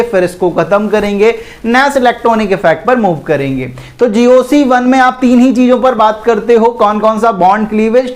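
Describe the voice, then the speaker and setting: A man teaching an exam-prep chemistry lecture, asking the class questions and answering them himself, calling students "bhai". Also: high voice. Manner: repetitive, asks and answers own questions; calls listeners "bhai".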